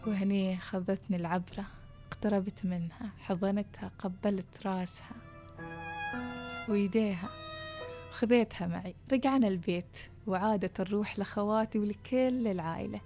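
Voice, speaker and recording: A woman narrating a true story in a soft, hushed voice, sometimes dropping to a whisper. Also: medium pitch, normal speed, soft background music.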